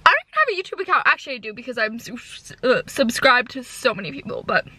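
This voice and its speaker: Young woman vlogger, high voice, jittery chatty first-timer, camera held in hand in her car. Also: sing-song, quick pace, pushed and bright, no echo. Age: 20s. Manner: nervous, giggly, rambling with many likes. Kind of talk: casual vlog chat.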